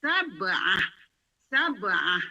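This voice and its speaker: A woman teaching young children, speaking slowly and drawing out words so they can repeat them. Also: medium pitch, big pitch swings, bright, forceful tone, distant mic, lo-fi sound. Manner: slow, drawn-out, clear enunciation for pupils to repeat. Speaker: Arabic teacher.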